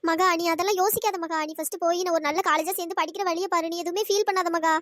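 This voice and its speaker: A woman voicing a caring young sister in a cartoon story, who reassures and gently scolds. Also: extremely high pitch, fairly even intonation, quick pace, no echo, studio quality. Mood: soothing.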